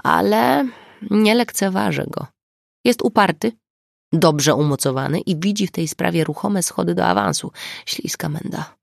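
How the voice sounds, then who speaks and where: A woman voicing a gruff, wry male police inspector in an audiobook, blunt and sardonic. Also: fairly low pitch, expressive, a little slow, no echo, studio quality, full character voice.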